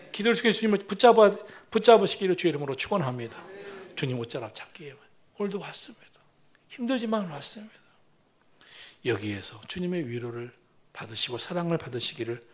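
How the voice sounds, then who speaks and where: A man preaching a sermon as senior pastor, rising to loud proclamations and dropping to hushed, near-whispered lines. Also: on the high side.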